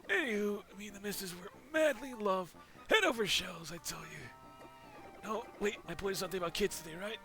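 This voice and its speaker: A man's voice: high voice, animated, brisk, pushed and bright, faint music behind, voice pushed up. A man voicing a forgetful old male turtle who rambles and keeps losing his train of thought. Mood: rambling.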